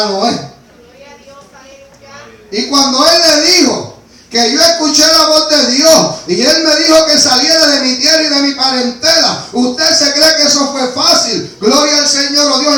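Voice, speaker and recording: A man's voice: extremely high pitch, sharp tone, a little hiss or hum. Man, fervent pastor, sermon, very roomy church echo, distant mic. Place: church sanctuary. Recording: echoey church hall, voice from far off.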